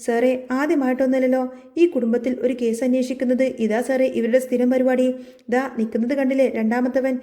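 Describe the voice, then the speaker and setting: A man's voice: very high-pitched, little pitch movement, fast talker, warm tone. A woman reading the part of a spiteful middle-aged village man who pushes accusations in a storybook retelling. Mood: accusing. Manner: pushy and accusing.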